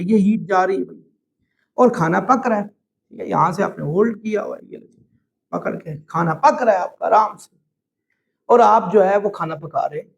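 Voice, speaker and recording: A man's voice: high-pitched, rough recording. A man with a Pakistani Urdu accent teaching a physics class, explaining step by step and speaking straight to his students, slipping into English phrases. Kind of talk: classroom lecture.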